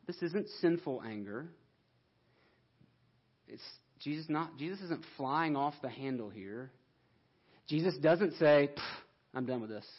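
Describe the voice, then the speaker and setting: A man's voice: on the high side, muffled recording. A man preaching a sermon in a conversational way, with asides to the congregation and frequent restarts. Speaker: pastor.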